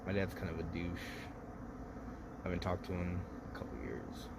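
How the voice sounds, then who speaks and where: A man in his thirties, a little drunk, hosts a livestream full of loose, profane, rambling storytelling. His low voice shows little pitch movement, runs a bit fast with vocal fry, and the audio is very noisy.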